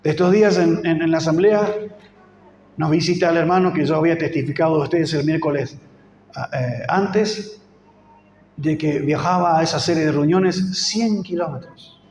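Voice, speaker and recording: A man's voice: fairly high pitch, normal speed, a little mellow, a little hiss or hum. A man with an Argentine accent, preaching a sermon as pastor, fervent and rising to emphatic peaks. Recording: echoey hall with faint ambience.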